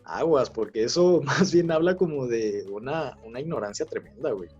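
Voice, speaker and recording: A man's voice: medium pitch, expressive, normal speed, darkish tone. A young man with a Mexican accent co-hosting a podcast, rambling in slangy casual chat with many fillers. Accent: Mexican Spanish. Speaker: podcast co-host. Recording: slightly dull sound with faint music.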